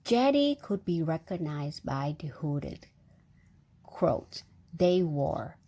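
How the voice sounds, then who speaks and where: Her voice is deep and dark-toned, with a slow, sing-song lilt. As she reads a storybook to a small child, she pauses for chatty asides and keeps the child involved through questions and sound effects.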